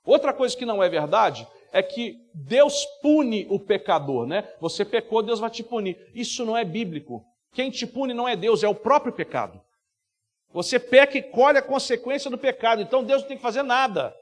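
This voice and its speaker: A man preaching an animated sermon as a guest preacher, often acting out voices. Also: very high voice, normal speed. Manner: animated, with many acted-out voices. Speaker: guest preacher and worship minister.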